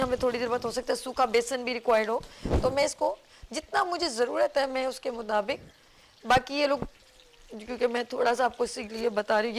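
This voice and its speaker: A woman's voice: high voice, a little hiss or hum. A woman with a Pakistani Urdu accent, hosting a live cooking show and explaining each step to viewers in a chatty, instructive way. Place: TV studio kitchen.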